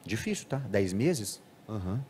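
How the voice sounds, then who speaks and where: A man giving a live talk to an audience, animated and now and then acting out children's speech in a higher voice. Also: measured pace, slight background noise.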